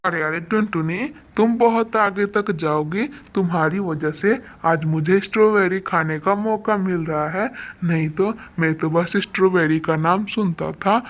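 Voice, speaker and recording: A woman's voice: on the low side, measured pace, hardly any pauses, close to an everyday voice. A woman voicing a kind, grateful male pigeon in a cartoon story, talking in an encouraging way. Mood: friendly. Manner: warmly encouraging.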